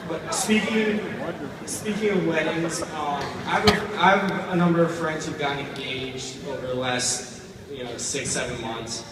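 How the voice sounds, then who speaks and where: Halting young American man bombing at stand-up, echoey hall. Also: fairly high pitch. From United States, grew up outside Indiana. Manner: halting, rambling delivery of jokes that fall flat. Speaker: amateur stand-up comedian. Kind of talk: live stand-up comedy, joke bombing. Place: stage at a live event. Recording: echoey, noisy hall, recorded from far off.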